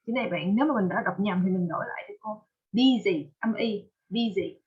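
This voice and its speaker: A woman teaching English pronunciation with a Vietnamese accent, patiently drilling words and repeating them slowly. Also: mid-range voice, husky, highs cut off. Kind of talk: online pronunciation lesson.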